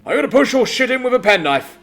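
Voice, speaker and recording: A man voicing a foul-mouthed, violent old Santa Claus in a spoken story, mocking and shouting threats. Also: very high voice, very animated, fast, faint music behind, pitched above the performer's own voice, heavily acted. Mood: mocking, angry.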